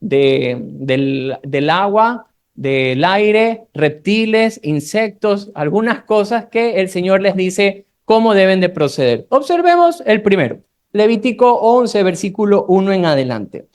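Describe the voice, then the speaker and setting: A preacher from Ecuador with a Guayaquil accent, giving a Bible study sermon, reading scripture slowly and adding friendly asides to the congregation. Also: mid-range voice, expressive. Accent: Guayaquil Ecuadorian Spanish. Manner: slows down when reading scripture aloud, conversational asides to the congregation.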